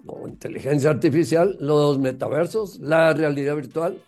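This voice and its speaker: A man's voice: a little high, moderate pace, a little mellow. A man giving a motivational talk on raising children, emphatic and full of rhetorical questions.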